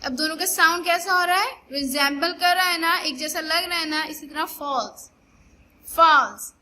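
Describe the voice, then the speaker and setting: A woman primary school English teacher giving a recorded online lesson, mixing Hindi and English and repeating words slowly to drill pronunciation. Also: very high voice, bright, forceful tone, slight background noise. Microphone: recorded for online video.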